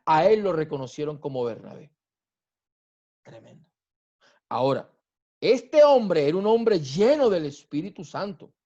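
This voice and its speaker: A man with a Colombian accent, a pastor preaching a teaching sermon slowly, repeating key words and swinging from loud to soft. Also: on the high side, sing-song, muffled recording. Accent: Colombian Spanish. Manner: slow teaching delivery with repetition and wide swings in loudness. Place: church sanctuary.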